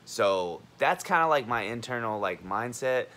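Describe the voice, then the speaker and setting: A man's voice: medium pitch, a little slow. A young man, a college student and army veteran, ranting bluntly and profanely in a heated vlog monologue. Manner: animated, acts out others' lines.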